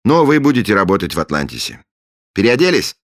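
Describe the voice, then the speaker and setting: A man's voice: lowish voice, very animated, fairly quick, dry recording, clean studio sound, voice pushed up. A man voicing a grandiose middle-aged leader of a secret order, who speaks in solemn, imperious pronouncements. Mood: pompous. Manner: solemn, imperious pronouncements, later loud and hearty. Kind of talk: audiobook character voice.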